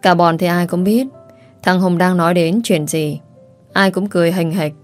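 A woman narrating a dramatic story in a steady reading voice. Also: fairly low pitch, normal speed, faint music behind.

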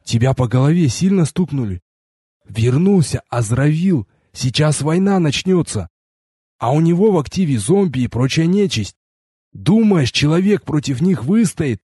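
A man reading an audiobook, voicing an agitated, insistent young male army conscript in a husky voice. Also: a little high, mellow, dry recording, clean studio sound, voice pushed up. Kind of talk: audiobook character voice.

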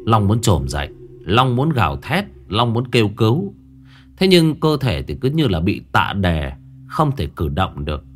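Man telling a lively horror story. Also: on the low side, a little hiss or hum. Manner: dramatic, lively delivery with drawn-out phrasing. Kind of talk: scripted horror narration.

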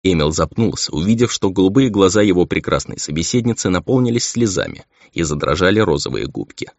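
Deep-voiced man narrating an audiobook. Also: very animated, fairly quick, dry recording. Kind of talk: scripted narration. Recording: dull lo-fi dry recording.

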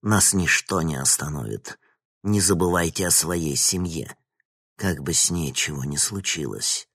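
A man's voice: rumbling low, a little slow, fairly bright tone, dry recording, clean studio sound, full character voice. A man playing a cold, menacing scientist villain. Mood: cold, threatening. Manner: cold, smooth, threatening. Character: cold, menacing male scientist boss, predatory.

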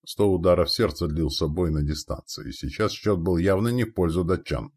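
A man's voice: low-pitched, fairly quick, darkish tone, slightly rough. A man narrating a historical adventure audiobook and acting out the characters' lines. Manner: acts out each character's lines.

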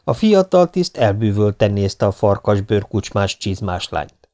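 A man narrating an adventure novel as an audiobook in a measured, even reading. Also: on the low side. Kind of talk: scripted narration.

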